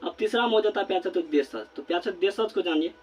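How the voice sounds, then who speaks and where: A male teacher giving a classroom grammar lesson at a board, repeating words slowly as he writes and asking questions he then answers himself. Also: high voice, slight background noise. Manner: repeats words slowly while writing, constant filler phrase.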